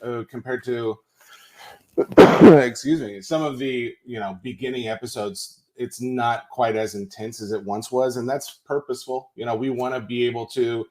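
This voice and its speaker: A man from Tennessee speaks as a podcast guest, telling a long story in a relaxed, rambling way. His voice is at a middle male pitch. He fills his talk with little asides. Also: moderate pace. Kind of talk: casual interview chat.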